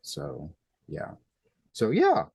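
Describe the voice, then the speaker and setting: A man's voice: a bass voice, huge pitch swings, drawn-out words, vocal fry, a little mellow, breathy edge, no room sound. A young man in his twenties hosting a casual interview over a video call, chatty and rambling with restarts. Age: young adult. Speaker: host. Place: small room at home.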